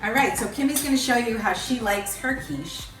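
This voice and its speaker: A woman's voice: a little high, brisk. A woman hosting a casual cooking show, explaining each step in a kitchen. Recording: echoey room, mic far off, background music.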